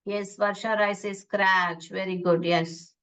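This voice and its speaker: Slow, patient woman teacher sounding out words. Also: medium pitch, little pitch movement, fairly bright tone. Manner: sounds out words slowly syllable by syllable; patient, asks the class questions. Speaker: English phonics teacher. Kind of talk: online phonics lesson. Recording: voice a little distant from the mic.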